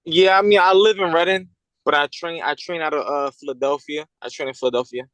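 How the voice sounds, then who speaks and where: A man in his twenties, from Puerto Rico and raised in Pennsylvania, talking as a boxer guest over a video call in a halting way, full of fillers and repeated words. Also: a little high, steady tone, a bit bright, no room sound, poor audio. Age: 20s.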